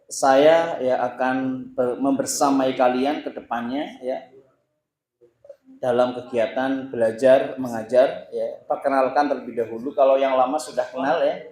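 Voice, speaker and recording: A man's voice: mid-range voice, darkish tone. A man in his thirties, an Islamic boarding school teacher giving informal advice to students, teasing them with questions and tagging his sentences with "ya". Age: 30s. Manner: playful, teasing the audience with questions; frequent "ya" tags and hesitations. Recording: roomy echo.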